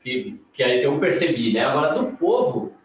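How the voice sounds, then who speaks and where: A man's voice: mid-range voice, huge pitch swings, normal speed. A Brazilian man guest chatting reflectively about travel, filling his speech with small tags. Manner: reflective, lots of filler tags. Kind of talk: casual conversation. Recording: echoey room, far from mic, faint noise.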